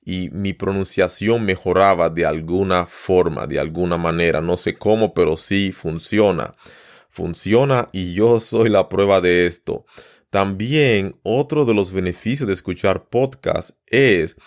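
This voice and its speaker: Deep-voiced man teaching in a podcast. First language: Spanish. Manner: repeats words and lists them slowly for learners. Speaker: Spanish teacher and podcast host. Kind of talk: podcast lesson for learners.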